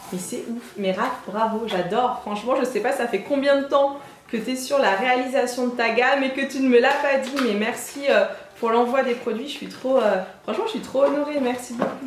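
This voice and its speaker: A woman's voice: a little high, echoey room. A young woman chatting enthusiastically through a beauty unboxing, gushing over each product. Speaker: beauty vlogger. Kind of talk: casual unboxing chat.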